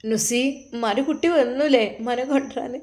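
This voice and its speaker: A woman's voice: fairly high pitch, fairly quick, darkish tone, reverberant, close to an everyday voice. A woman voicing a loving older mother, speaking in tender, tearful endearments.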